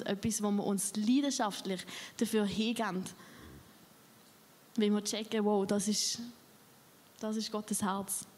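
A woman's voice: medium pitch, slight background noise. A woman preaching a sermon in a fervent, emphatic way. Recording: long hall reverb.

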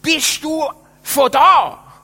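Man playing a drunk young party guy, yelling, high-pitched and excitable, echoing hall. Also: unhurried, exaggerated voice. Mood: shouting excitedly. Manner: shouting, excitable. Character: drunk young male partygoer shouting over loud music.

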